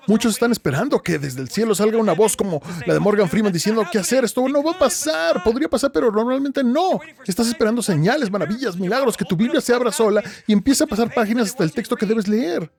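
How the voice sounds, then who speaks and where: A man's voice: sits high, a little mellow. A man preaching a sermon as pastor, emphatic, with rhetorical questions and repetition.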